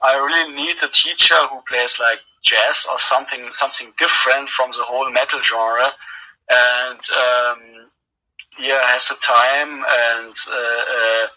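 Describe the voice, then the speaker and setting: A man's voice: mid-range voice, steady tone, measured pace, sharp tone, rough recording. A man who drums in a metal band, giving a casual interview while drunk, rambling with lots of hesitations and jokes. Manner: rambling, hesitant, tipsy and joking.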